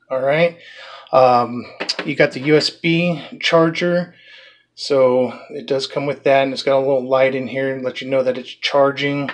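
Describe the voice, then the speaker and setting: A man giving a casual, rambling product review of a small drone, talking through the parts with many fillers and restarts. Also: medium pitch.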